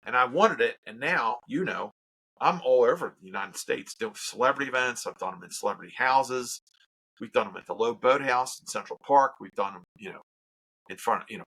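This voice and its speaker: A man's voice: medium pitch, expressive, a little fast, bright, forceful tone, slightly rough. A man who works as a charity auctioneer, telling his story in a casual interview with earnest emphasis and repeats.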